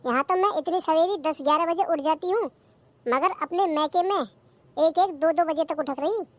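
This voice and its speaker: A very high, squeaky cartoon voice of a cheeky young daughter-in-law, as a performer puts her on. She talks back and grumbles, and the voice is close and dry. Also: normal speed, no room sound. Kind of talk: cartoon comedy skit.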